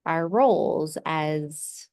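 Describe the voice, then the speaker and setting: A low-pitched woman's voice leads a guided meditation, soothing and gently instructive. She pauses between short phrases.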